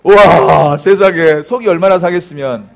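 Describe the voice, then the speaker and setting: A man's voice: fairly high pitch, normal speed. A man preaching a sermon as pastor, telling a story with acted-out voices and sound effects and calling out to the congregation for replies. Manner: animated storytelling, acts out crowd cheers and crashes.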